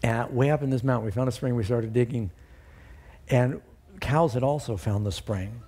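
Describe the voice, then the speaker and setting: A middle-aged man preaching a sermon as pastor, telling Bible stories and personal anecdotes and lifting his voice high and loud for quoted lines. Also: moderate pace.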